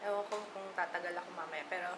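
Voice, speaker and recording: A woman's voice: lowish voice, steady tone, fast. A woman vlogging casually at home, mixing Filipino and English and saying she has barely slept. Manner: chatty, switching between Filipino and English. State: short on sleep. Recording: loud background noise.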